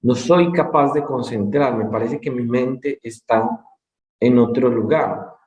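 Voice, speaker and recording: Guy giving a talk, calm and explaining, mid voice, echoey room. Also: medium pitch, takes it slowly, highs cut off. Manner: calm, explanatory, repeats key points. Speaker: lecturer. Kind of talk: conference lecture. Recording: roomy echo.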